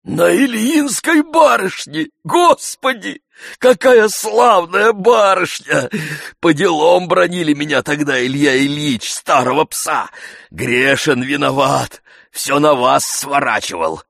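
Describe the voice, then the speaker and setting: A man voicing a fussy, devoted old male servant, wheezing and hoarse, in a read-aloud story. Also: a little high, expressive, slow, fairly bright tone, no room sound, clean studio sound, pitched above the performer's own voice, heavily acted. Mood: fawning joy. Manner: fawning, fussy exclamations.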